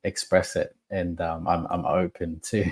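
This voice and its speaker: A man with a very low voice answers questions as a podcast guest. His delivery stays level, without much rise and fall. He speaks in a slow, measured, thoughtful way with pauses. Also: flat delivery, slightly rough. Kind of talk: reflective interview talk.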